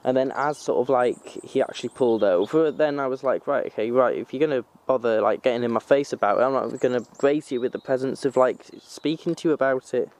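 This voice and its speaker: A young man from North Wales, slightly Manchester-accented, talks casually for his vlog while filming outdoors on a handheld camera, rambling and self-correcting. He speaks fairly quickly with hardly any pauses, in a medium-pitched, darkish voice.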